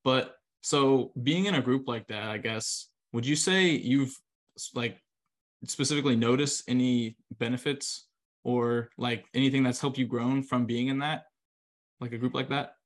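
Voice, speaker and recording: A man's voice: mid-range voice, steady tone, normal speed. A man co-hosting a casual interview, asking questions in an informal, tentative way. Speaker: podcast interviewer.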